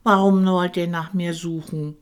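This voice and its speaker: A woman's voice: lowish voice, fairly even intonation, measured pace, clean tone, voice pushed up, lightly acted. A woman voicing a small, friendly young male dragon in a children's audiobook, who keeps saying "oh Mann, oh" and talks about himself by name. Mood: puzzled.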